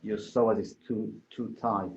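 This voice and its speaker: A man's voice: lowish voice, steady tone, a little slow, a little mellow, a little hiss or hum. A man instructing a yoga class in a conversational way, correcting himself as he demonstrates the moves. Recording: echoey room, dull muffled sound.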